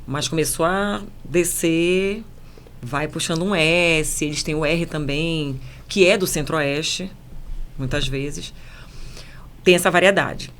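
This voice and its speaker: Woman, Paraense accent, low voice, podcast guest, measured, emphatic. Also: fairly bright tone. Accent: Paraense Brazilian Portuguese. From Belém, Pará, Brazil. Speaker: journalist guest. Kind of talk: podcast conversation.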